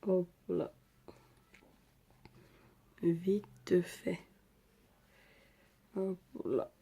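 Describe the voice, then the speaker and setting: A woman with an African French accent talks casually through a makeup tutorial, filling pauses with repeated little words and murmuring asides while she works. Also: on the low side, steady tone, vocal fry, dark tone, breathy edge. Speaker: makeup vlogger.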